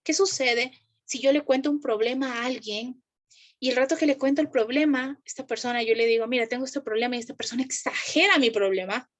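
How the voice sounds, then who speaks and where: A woman's voice: sits high, a little fast. A woman speaking to a live group about parenting, asking the audience questions and acting out the voices she quotes. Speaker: parenting educator.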